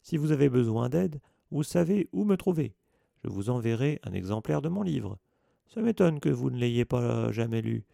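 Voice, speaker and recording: A man's voice: medium pitch, very animated, moderate pace, vocal fry, warm tone, no room sound, clean studio sound, voice pushed up. A man voicing a vain, pompous wizard who sounds pleased with himself. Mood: smug. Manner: pompous, self-satisfied.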